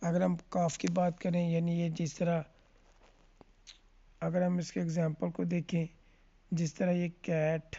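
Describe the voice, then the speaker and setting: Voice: medium pitch, monotone, long pauses, mellow, lo-fi sound. A teacher giving a classroom lesson on letter sounds, asking questions and answering them and often checking in with the listener. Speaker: English phonics teacher.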